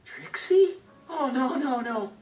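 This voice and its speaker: A man's voice: extremely high pitch, animated, slow pace, darkish tone, echoey room, far from the mic, a little hiss or hum, exaggerated voice, poor audio. An actor voicing a breezy, persuasive teenage boy time traveler in a video game.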